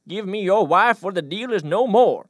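A man voicing a frantic, lustful Southern prince, yelling in a high, strained voice. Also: expressive, moderate pace, a little hiss or hum. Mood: yelling demand.

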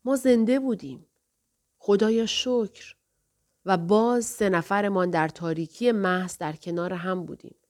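A woman reading a first-person novel aloud in a quiet, reflective way. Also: mid-range voice. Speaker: narrator. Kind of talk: audiobook narration.

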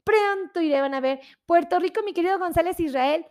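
A woman's voice: extremely high pitch, a little fast, darkish tone. A woman from Mexico hosting a casual live stream, chatty and exclamatory, greeting viewers by name. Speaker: livestream host greeting viewers.

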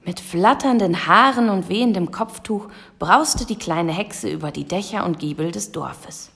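A woman narrating a children's audiobook in a lively storytelling manner. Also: on the low side, a little slow, gravelly.

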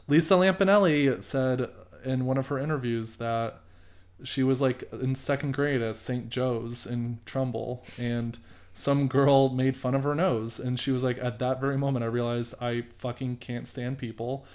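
A man's voice: medium pitch, normal speed. A man with a nasal voice, talking bluntly and swearing freely as a podcast co-host in casual chat. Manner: blunt, swears freely, animated when telling stories. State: recovering from illness.

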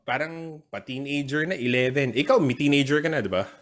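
A man's voice: medium pitch, a little fast. A man hosting a casual chat over a call, telling stories with jokes and frequent laughter. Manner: joking, laughs often, animated storytelling. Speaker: podcast host.

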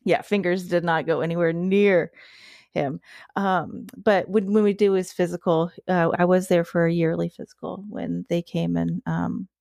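A woman from Florida, a former zookeeper, chatting casually and bluntly with lots of swearing, halting restarts and frequent laughter. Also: fairly low pitch, fairly even intonation, gravelly, darkish tone, no echo, studio quality. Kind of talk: casual chat.

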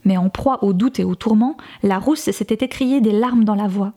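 A woman narrating an audiobook in a measured, expressive reading style. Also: medium pitch. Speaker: audiobook reader.

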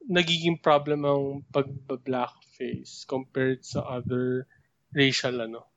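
A man's voice: mid-range voice, flat delivery, takes it slowly, a bit bright, no room sound, highs cut off. A man with a Filipino accent co-hosting a casual podcast, asking questions and mixing Tagalog and English. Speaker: podcast co-host.

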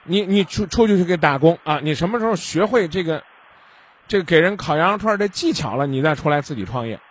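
A man with a slightly high, expressive voice and a breathy edge talks fast as a radio hotline host giving advice. He lectures his caller, acts out mini dialogues, and keeps checking that the caller understands.

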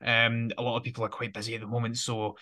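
A man's voice: mid-range voice, completely flat delivery, fast talker, bright, forceful tone. A British man hosting a casual football podcast, chatty and rambling, correcting himself as he goes. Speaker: podcast host.

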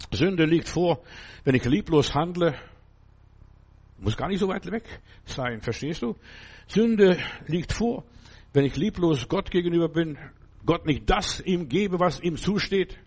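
An older male preacher delivers a sermon in a husky, slightly high voice. He sounds emphatic and conversational, and he keeps turning to his listeners to ask whether they follow. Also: expressive, slow, long pauses, a little mellow.

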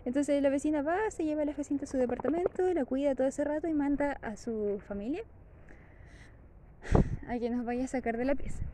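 A woman with a Chilean accent casually telling a story to camera, laughing often in a lively, chatty way. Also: high voice, noisy background. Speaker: vlogger.

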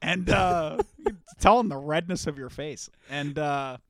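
A man's voice: fairly high pitch, unhurried, a bit bright. A young man co-hosting a podcast, telling stories in loose, profane casual chat and laughing often. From Canada. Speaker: podcast co-host.

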